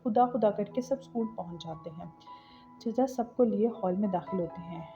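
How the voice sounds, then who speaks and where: A woman's voice: medium pitch, moderate pace, dull audio, music in the background. A woman with a Pakistani Urdu accent narrating a moral story for children in a scripted, storytelling manner.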